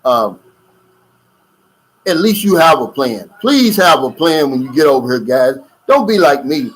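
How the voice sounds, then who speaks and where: A middle-aged man living in the Philippines hosts a casual YouTube livestream, reading viewer comments and chatting loosely with many fillers and asides. His mid-range voice is sing-song, fairly bright and a little slow.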